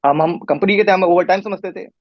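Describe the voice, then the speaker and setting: A man's voice: sits high, brisk, no echo. A middle-aged man talking as a patient in a casual conversation, giving a long, detailed account with frequent restarts. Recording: muffled lo-fi recording.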